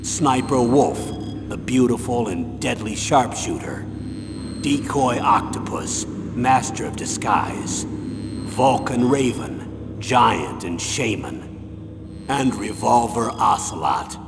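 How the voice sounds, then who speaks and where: An actor playing a stern, insistent veteran colonel with a gravelly voice, giving an authoritative military mission briefing in a video game. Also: male voice, medium pitch, animated, background noise. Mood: grave, informative. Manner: measured, authoritative briefing delivery. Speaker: commanding officer. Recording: long reverb, music behind. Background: music.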